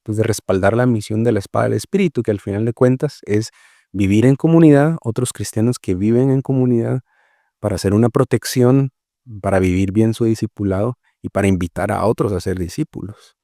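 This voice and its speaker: The Guatemalan missionary guest has a lowish, warm voice, heard in a dry, clean studio recording. In this conversational interview he reflects on his work, explaining slowly, with plenty of fillers and repeated "¿verdad?"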